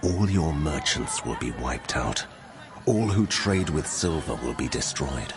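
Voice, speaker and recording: A man with a very deep voice plays a wrathful God pronouncing judgment in a dramatized scripture reading. His declamation is solemn and commanding, animated yet unhurried.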